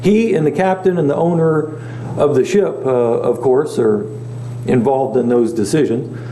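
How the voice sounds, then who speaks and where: In an echoey church meeting room with a faint hum, a pastor teaches a Bible class in a relaxed, talkative way, often putting questions to the group. He speaks at a measured pace in a medium-pitched, dark-toned voice.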